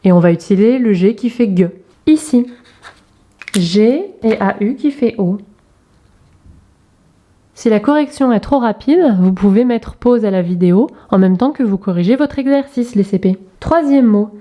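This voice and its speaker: Her mid-range voice has a warm tone as she leads young children through a task in a video lesson recorded for remote learning. This primary school teacher takes her time, carefully sounding out letters and sounds.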